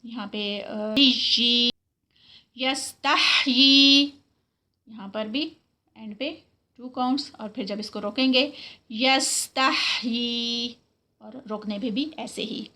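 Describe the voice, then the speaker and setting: A woman with a bright, clear, fairly high voice leads a slow recitation lesson. She draws each word out, often says it twice, and explains the rules in Urdu sprinkled with English terms. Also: fairly even intonation. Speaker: Quran recitation teacher.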